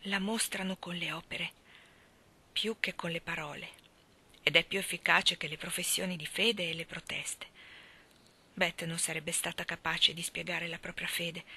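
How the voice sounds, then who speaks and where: A woman reading a classic novel aloud, with measured, expressive storytelling. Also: lowish voice, breathy edge. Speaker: reader.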